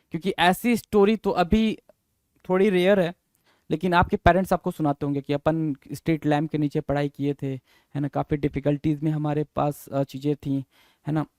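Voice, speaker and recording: High pitched guy teaching vocab, keeps repeating words and quizzing, dry close sound. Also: a little mellow, no echo. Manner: drills words, repeats and spells them out, asks students questions. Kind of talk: exam-prep lesson.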